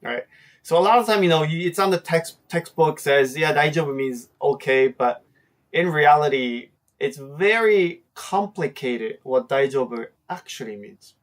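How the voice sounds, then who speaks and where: A man's voice: on the high side, unhurried, distant mic. Man teaching Japanese, a bit off-mic. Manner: hesitant, many fillers, acts out example lines. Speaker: host teaching Japanese phrases. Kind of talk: casual conversational lesson.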